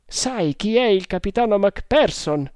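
A narrator voicing a jovial, bossy male army sergeant who calls out in a loud, high, hearty voice, in a storybook reading. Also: animated, measured pace, smooth, no room sound, clean studio sound. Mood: confiding. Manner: hearty, calling out.

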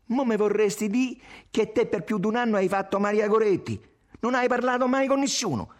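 A man's voice: medium pitch, very animated, measured pace, pitched above the performer's own voice. A man reading an audiobook, voicing a jealous, violent young man. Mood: angry, interrogating. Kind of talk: audiobook character voice.

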